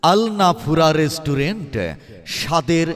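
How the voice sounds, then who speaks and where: High-voiced man over a loudspeaker. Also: a little slow, big-room sound. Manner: upbeat inviting sales pitch. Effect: loudspeaker announcement. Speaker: advertisement announcer. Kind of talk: promotional loudspeaker announcement.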